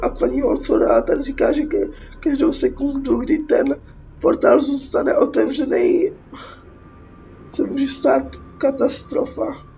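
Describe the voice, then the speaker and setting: High-pitched and steady yet gravelly and dark, this Czech woman's voice carries the strain of a cold. She does casual, foul-mouthed game commentary on YouTube, reading dialogue aloud and reacting with exasperation, through a muffled mic and background noise.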